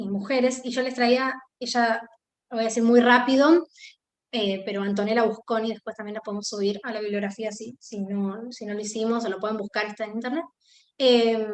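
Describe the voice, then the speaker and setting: A woman's voice: mid-range voice, echoey room. A woman with an Argentine Spanish accent giving a class lecture, thinking aloud with many fillers and restarts.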